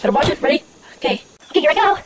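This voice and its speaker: A woman's voice: high voice, big pitch swings, very fast, noisy background. A young woman playing hyper sugar-crazed boy. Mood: impatient. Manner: hyper, giddy, repetitive chanting. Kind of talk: homemade comedy skit.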